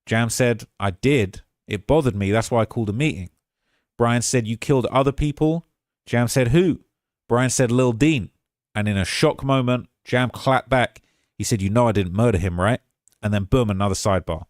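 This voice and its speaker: A man's voice: moderate pace, no echo, clean studio sound. Man reading out courtroom notes. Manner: relays quotes in a rising, emphatic tone, asides dropped low and quiet. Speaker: commentator recapping courtroom testimony. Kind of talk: reading handwritten notes of a court exchange aloud.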